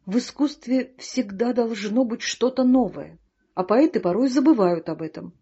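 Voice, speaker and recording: A woman voicing a vain, pompous male ladybug poet who declaims slowly. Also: on the high side, mellow, husky. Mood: grandiose. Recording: dull lo-fi recording.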